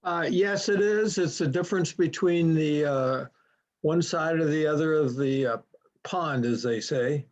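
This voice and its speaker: A man's voice: a little high, unhurried. A man moderating a program on a video call, easygoing and hesitant, with many fillers. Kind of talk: casual chat on a video call. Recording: dull lo-fi video call audio.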